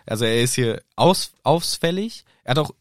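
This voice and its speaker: A man's voice: medium pitch, expressive, normal speed, dry recording, studio quality. A man co-hosting a casual podcast about a book, retelling scenes and acting out quoted lines with lifted voices. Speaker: podcast co-host.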